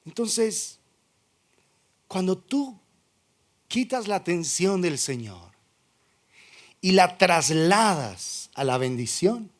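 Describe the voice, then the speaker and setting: Pastor preaching with rhetorical questions. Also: male voice, high-pitched, sing-song, slow pace, pauses often. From Colombia. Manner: rhetorical questions, acts out imagined excuses. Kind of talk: sermon.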